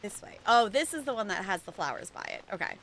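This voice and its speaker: A woman's voice: mid-range voice, very animated, fast talker, a bit bright, slight background noise, poor audio. A woman streaming a game with casual, chatty commentary, giggly and thinking aloud.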